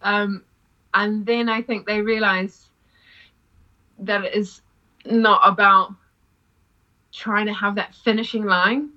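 A woman's voice: medium pitch, fairly even intonation, takes it slowly, long pauses, muffled recording. A woman who teaches improv, chatting casually, laughing often and acting out quoted lines. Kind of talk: casual podcast chat.

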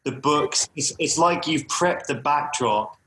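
A man's voice: fairly high pitch, measured pace, sharp tone. Echoey, hesitant male podcast host. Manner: hesitant, loosely phrased. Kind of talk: casual chat. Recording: echoey room sound.

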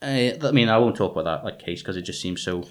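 A man's voice: low voice, fast talker. A man hosting a podcast in casual chat, rambling with many fillers and restarts. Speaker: podcast host.

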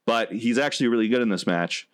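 A man on a podcast, casually retelling a wrestling match as an animated storyteller with lots of fillers. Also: medium pitch, fast talker.

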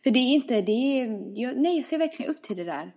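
A woman's voice: high voice, animated, a little mellow. A woman in casual conversation, responding supportively and mixing English phrases into her talk. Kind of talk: casual chat.

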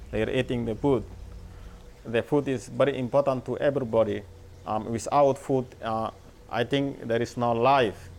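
A man from Sudan with a Sudanese accent, telling his life story haltingly in simple learner's English, often repeating words. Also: medium pitch, darkish tone, clean tone. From Darfur, Sudan. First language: not English. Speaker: refugee volunteer, former farmer.

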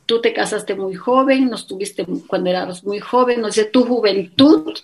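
Heard on a low-quality recording, this mid-range female voice moves at a normal speed. She is a middle-aged Ecuadorian-accented interviewee telling her life story with earnest animation and quoting the dialogue of people she met.

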